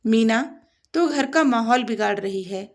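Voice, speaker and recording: A woman plays a young husband keeping the peace in a storybook tale. He speaks firmly and slowly, in a voice left fairly high. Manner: firm, calming.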